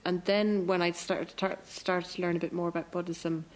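A woman with an Irish midlands border accent from Cavan, telling personal memories in a thoughtful, halting way. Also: lowish voice, flat delivery, low-quality recording. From County Cavan, Ireland. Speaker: interviewee recalling own life. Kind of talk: reflective personal storytelling.

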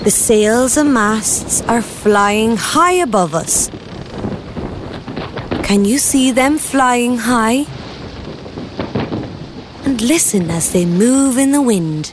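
Lively woman leading a kids' story. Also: fairly high pitch, drawn-out words, pauses often, noisy background. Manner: animated, encouraging, speaks straight to the child. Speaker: children's activity presenter. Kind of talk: interactive storytelling for young children.

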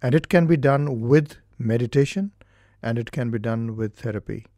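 Indian-accented man with a gravelly voice. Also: medium pitch, mellow, no room sound, clean studio sound. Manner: measured, explanatory, with hesitations. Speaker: doctor and therapist. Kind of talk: studio interview.

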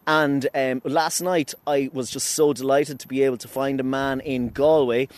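A man's voice: medium pitch, fairly even intonation, moderate pace. A man with an Irish Midlands accent, talking enthusiastically and at length as a beekeeper in a casual interview. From Irish midlands (Athlone), Ireland. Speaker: beekeeper and wildlife rescuer, interviewee.

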